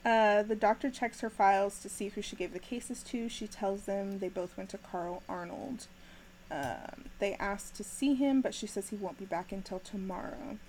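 A young woman talks through a TV episode in a loose, chatty way, dropping in ums and quick laughs. Her pitch sits mid-range for a woman. A faint hiss of noise runs under the recording. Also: darkish tone, poor audio. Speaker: podcast host recapping a TV episode. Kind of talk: casual chat.

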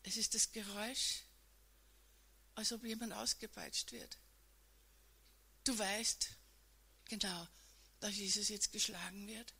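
A woman telling a dramatic retelling in the second person, moving between loud emphatic lines and hushed ones. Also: mid-range voice, fairly even intonation, slow, gravelly, pauses often, breathy edge.

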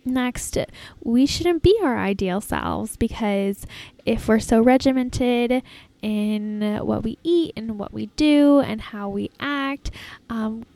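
A woman hosting a casual, reflective solo podcast in an informal, halting way, recorded in an airport terminal. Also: on the high side, gravelly, dark tone, dry recording. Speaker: podcast host. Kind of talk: casual solo podcast talk, self-help advice.

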